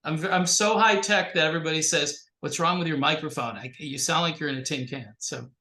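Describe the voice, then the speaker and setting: A man hosting a casual interview over a thin, tinny microphone with no bass, talking in a rambling, halting way full of fillers. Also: sharp tone. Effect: thin tinny microphone sound with no bass. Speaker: interview host. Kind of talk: casual video-call interview. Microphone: home computer microphone. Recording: tinny mic in an echoey room.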